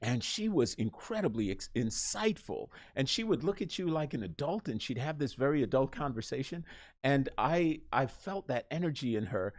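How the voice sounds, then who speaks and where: A male radio host from Costa Rica with a voice of middling pitch. He chats casually and cracks jokes, often restarting his sentences as he interviews his guests. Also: sing-song, normal speed. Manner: chatty, joking, many restarts.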